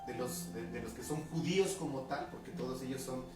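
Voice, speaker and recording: Ecuadorian pastor preaching in an echoey room. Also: male voice, medium pitch, a little fast. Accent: Ecuadorian highland Spanish. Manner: conversational preaching, reading scripture aloud, frequent tag questions. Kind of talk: sermon. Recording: echoey room from a distance, music behind.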